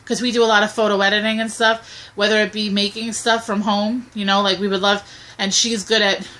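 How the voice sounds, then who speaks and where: A woman's voice: mid-range voice, flat delivery, fairly quick, bright, forceful tone. A woman in her thirties chatting casually, rambling with many fillers and restarts as she answers questions. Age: 30s. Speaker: co-host. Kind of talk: casual chat.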